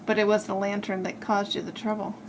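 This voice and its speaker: A woman at home quietly prompting an older storyteller with casual, teasing questions. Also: medium pitch, monotone, fairly quick, slight background noise, poor audio.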